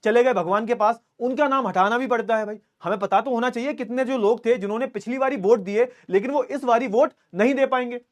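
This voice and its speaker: High-voiced young man teaching a live class. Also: fairly quick, hardly any pauses. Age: 20s. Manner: chatty, teasing students, reads chat comments aloud. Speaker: online teacher. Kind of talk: live online class lecture.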